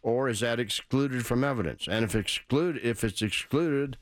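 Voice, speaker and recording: A man hosting a legal talk radio show, energetic and promotional, speaking straight to listeners. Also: mid-range voice, moderate pace, a little hiss or hum.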